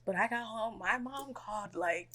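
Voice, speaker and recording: A woman's voice: fairly high pitch, normal speed. A young woman co-hosting a podcast, telling stories with lots of energy, laughing often and acting out what other people said. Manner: animated, laughing, acts out quoted people. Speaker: podcast co-host. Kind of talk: casual storytelling chat.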